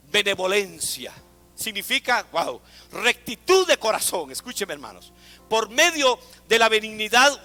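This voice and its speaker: A man's voice: extremely high pitch, sharp tone, big-room sound. A man preaching a sermon to a congregation, asking them to repeat words after him. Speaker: pastor. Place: church.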